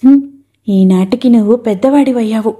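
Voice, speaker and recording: A woman's voice: fairly high pitch, moderate pace, mellow, husky. A woman voicing a grieving, defiant mother. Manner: tearful, pleading, then defiant. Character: grieving middle-aged mother, fierce and proud.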